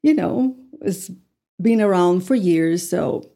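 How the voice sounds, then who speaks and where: A woman in her 60s from Puerto Rico talks earnestly as a guest in a conversational interview, using many fillers and light laughs. Her voice is fairly low, gravelly and warm, animated yet slow-paced.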